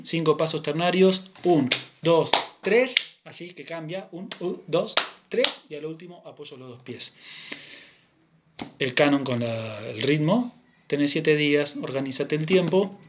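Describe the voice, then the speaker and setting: A man's voice: on the high side, muffled recording. Argentine man teaching a sung dance. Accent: Rioplatense Spanish. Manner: sings rhythm syllables and counts steps while explaining. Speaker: music teacher. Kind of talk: recorded online class.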